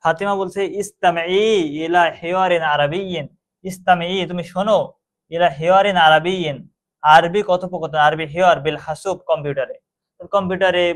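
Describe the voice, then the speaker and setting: A man teaching an online exam-prep Arabic lesson. He reads Arabic phrases aloud, then translates and explains them step by step, often repeating himself and correcting words mid-word. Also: on the high side.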